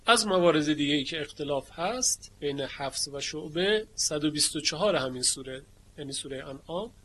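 Bright-voiced man teaching Quran readings. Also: on the high side, breathy edge. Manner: chants words slowly in recitation tone. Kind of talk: lecture on recitation variants.

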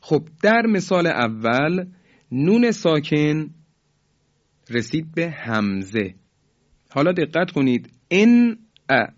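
Patient man teaching Quran recitation, lo-fi. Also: medium pitch. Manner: explains patiently, then chants each example slowly and drawn out; formal and polite, asks students to repeat after him. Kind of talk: recorded lesson on Quran recitation rules. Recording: dull lo-fi recording.

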